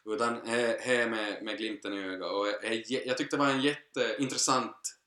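A man's voice: mid-range voice, fairly even intonation, bright, forceful tone. A man co-hosting a podcast in a casual chat, talking in a loose, chatty way with frequent laughs and restarts. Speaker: podcast co-host. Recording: echoey room.

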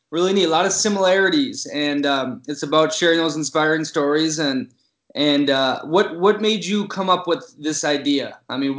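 Chatty podcast host in an echoey room. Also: male voice, fairly high pitch, fairly bright tone. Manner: upbeat and chatty, heavy on fillers like man and you know. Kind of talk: casual interview talk. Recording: echoey room on dull lo-fi audio.

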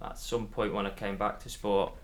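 A man's voice: lowish voice, flat delivery, moderate pace. A man in his thirties with a mild Isle of Man accent, chatting casually as an interview guest and hesitantly thinking aloud. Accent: fairly neutral Manx. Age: 30s. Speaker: podcast guest, former athlete.

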